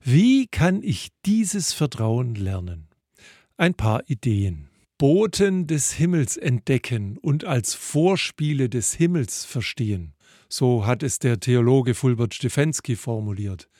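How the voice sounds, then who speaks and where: Slow, thoughtful male preacher. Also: mid-range voice, very animated, warm tone, dry recording, studio quality. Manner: thoughtful, measured. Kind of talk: devotional reflection.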